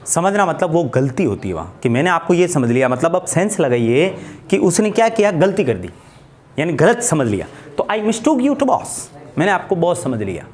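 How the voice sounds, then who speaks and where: A man teaching spoken English, slowly repeating words and mixing Hindi with English. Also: a little high, very animated, darkish tone.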